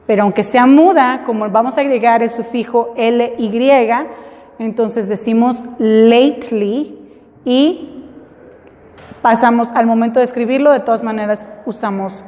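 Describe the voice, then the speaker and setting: A woman teaching an English class, slowly and patiently, spelling words out letter by letter. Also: on the high side, warm tone, big-room sound. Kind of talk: classroom lesson.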